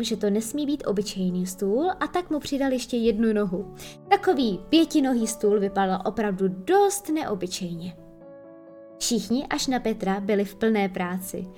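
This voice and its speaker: Woman, storybook reading, gentle lively narration, higher voice.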